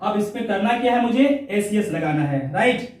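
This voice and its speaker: A man teaches English sounds, repeating each word and answering his own questions as he goes. His voice sits high and rings around a very echoey room, heard from some distance off the mic. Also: lively intonation, normal speed. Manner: explains step by step, repeats words, asks and answers himself. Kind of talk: online pronunciation lesson.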